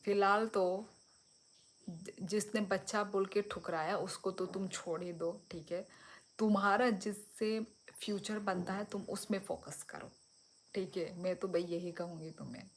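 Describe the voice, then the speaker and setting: A young woman hosting a casual livestream, speaking softly so as not to disturb neighbours at night while answering viewer comments. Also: mid-range voice, steady tone, measured pace. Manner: switches between Hindi and a local language, reads and answers viewer comments. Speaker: livestream host. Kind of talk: casual live chat.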